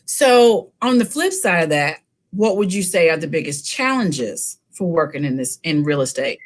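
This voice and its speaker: A woman's voice: low voice, sing-song, moderate pace. A woman interviewing a guest, asking questions in a friendly, affirming way. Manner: friendly, affirming with short replies.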